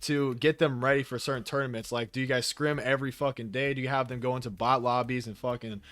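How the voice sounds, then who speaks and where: A man's voice: medium pitch, fairly even intonation, quick pace, fairly bright tone, no room sound. A man hosting a casual podcast interview, speaking in an informal, slangy, enthusiastic way with plenty of swearing. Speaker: podcast host.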